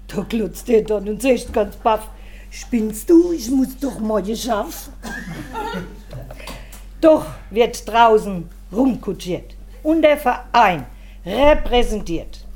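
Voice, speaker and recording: A woman delivering a rhymed comic monologue in a wry, deliberate way. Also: medium pitch, a little mellow. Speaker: comedian. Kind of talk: rhymed comic monologue about her husband.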